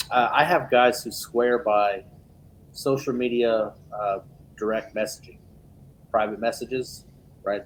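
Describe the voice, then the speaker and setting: A man chatting casually on a podcast as a business owner, relaxed, acting out sales calls in quick asides. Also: medium pitch, slight background noise, poor audio.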